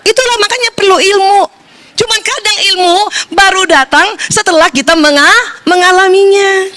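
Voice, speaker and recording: A middle-aged woman leads a seminar with a high, bright voice. She tells stories with playful animation and keeps turning to her audience with questions. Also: moderate pace. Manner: playful, animated storytelling that addresses the audience directly. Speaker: seminar speaker on marriage and parenting. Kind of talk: lively seminar talk.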